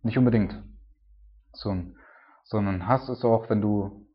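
A man's voice: on the low side, steady tone, measured pace, husky, lo-fi sound. A man preaching a casual, conversational sermon, often tagging his sentences with little checks to his listeners. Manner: conversational, frequent tag "ne?" and "so".

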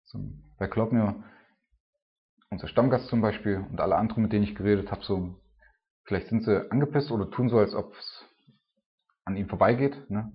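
A man with a deep, low voice preaching an informal sermon and then praying aloud. He talks in a colloquial, halting way and leans on filler words. The recording sounds dull and lo-fi. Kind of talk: informal sermon and spoken prayer.

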